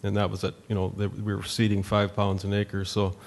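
A middle-aged farmer from North Dakota speaks at a meeting-room podium, his voice sitting on the low side. He talks plainly and loosely, circling back with fillers and restarts. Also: monotone, brisk. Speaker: farmer panelist. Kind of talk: conference panel talk.

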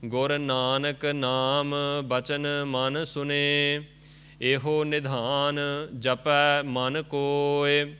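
A man recites scripture in a slow, drawn-out chant, line by line. His voice is bright and very clear, with a higher pitch than most men. The melody stays narrow and even. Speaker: student reciter.

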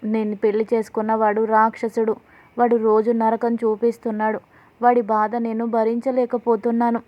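A woman's voice: on the high side, monotone, normal speed, muffled recording, close to an everyday voice. A woman reading a despairing young wife. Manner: pleading, anguished confession.

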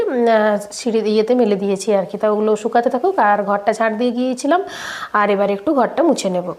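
A woman's voice: on the high side, mellow. A young woman, narrating her daily-life vlog while she has a cold, chatty and speaking straight to viewers with many fillers. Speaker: vlogger.

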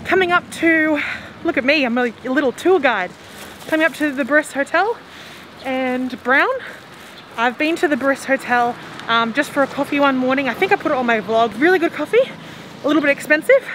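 A woman's voice: sits high, expressive, a little fast, fairly bright tone, low-quality recording. Chatty young woman vlogging on the street. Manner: chatty, rambling, laughs often. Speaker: travel vlogger. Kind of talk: casual walking vlog. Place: outdoors on busy city streets. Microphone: handheld camera at arm's length. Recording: street noise behind. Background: traffic and city street noise.

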